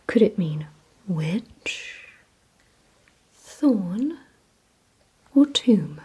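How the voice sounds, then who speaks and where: Leading a word-guessing ASMR roleplay, a woman whispers breathily and almost without voice, right at a close mic, in a mid-range, dark and mellow tone. She speaks very slowly and deliberately, repeating words and leaving gaps between them. The recording is rough.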